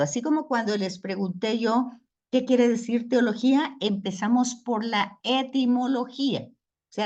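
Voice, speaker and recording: A woman's voice: fairly high pitch, a little mellow, muffled recording. A woman teaching a theology class, explaining step by step and often asking "right?" to check that students follow. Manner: explanatory, repeats "¿verdad?" to check understanding; self-correcting, with restarts. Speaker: theology lecturer. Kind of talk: classroom lecture.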